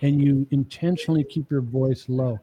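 A muffled recording captures a middle-aged man with a highish, darkish voice talking at an unhurried pace. He's a marriage coach guesting on a podcast interview, laying things out step by step with earnest emphasis and frequently asking the listener "okay?"

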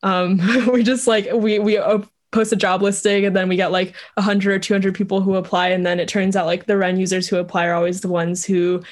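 A woman's voice: medium pitch, flat delivery, a little fast, few pauses. A young woman from Vietnam, a startup co-founder, chatting casually as an interview guest, with frequent laughs and fillers.

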